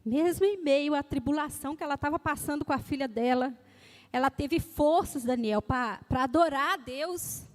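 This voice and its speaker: High-voiced Brazilian woman preaching. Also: moderate pace, in a large hall. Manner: storytelling, addresses listeners by name, acts out quoted voices. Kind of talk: sermon.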